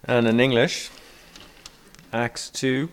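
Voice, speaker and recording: A man as pastor, reading scripture and preaching with measured emphasis at a church service. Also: mid-range voice, steady tone, clean tone.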